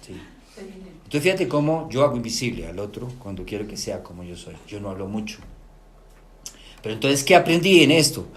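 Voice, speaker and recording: A middle-aged man with a Colombian accent giving a lively talk to an audience, often checking in with rhetorical questions. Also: on the low side, a little fast, long pauses. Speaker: lecturer.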